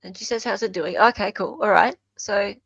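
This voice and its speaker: This Australian livestream host has a mid-range, gravelly, slightly rough voice with a fairly bright tone, speaking at normal speed on a dry recording. She does dramatic readings and commentary in a sarcastic, bantering way on her casual stream. The audio is dull and lo-fi, with music behind her.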